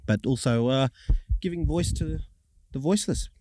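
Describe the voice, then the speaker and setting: A man in his thirties with an Australian accent, giving measured, reflective answers in an interview as a journalist. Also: fairly high pitch, mellow, no room sound. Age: 30s. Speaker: journalist and broadcaster.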